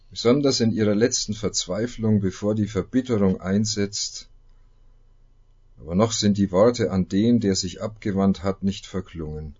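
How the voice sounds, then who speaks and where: A man preaching a sermon, opening with a dramatic reading full of long pauses. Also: sits low, darkish tone, slightly rough, dull audio. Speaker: pastor.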